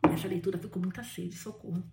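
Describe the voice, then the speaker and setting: A woman's voice: on the low side, fairly even intonation, fast, vocal fry, roomy sound, distant mic, heavy background noise. A woman with a Brazilian accent reading a novel aloud for a book club, breaking off into gushing asides to her listeners. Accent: Brazilian Portuguese.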